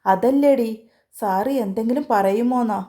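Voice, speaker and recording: A friendly older woman at the office in a storybook tale, chatty and coaxing as a woman reads her lines. She leans in and speaks in a hushed, confiding way. Her voice is mellow and low in brightness. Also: measured pace, close to an everyday voice.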